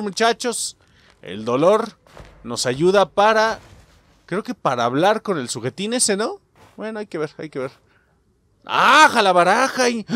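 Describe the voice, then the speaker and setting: A man with a Mexican accent commentating a video game as host, excitable and swearing, shouting at the game. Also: fairly high pitch. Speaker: gaming channel host. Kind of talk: let's play commentary.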